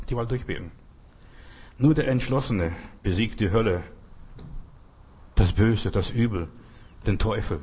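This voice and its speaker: A man with a slightly husky voice delivers a sermon in an emphatic preaching manner. He keeps turning to the listener with direct rhetorical questions and repeats his points forcefully. His pitch sits in an ordinary middle range.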